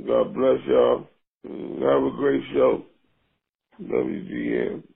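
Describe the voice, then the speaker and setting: A man calls in and leaves a warm, effusive voicemail, heard over a landline phone. His voice is husky and gravelly, squeezed through a narrow, tinny line. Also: mid-range voice, expressive, slow pace. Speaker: caller leaving a voicemail. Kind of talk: casual phone message.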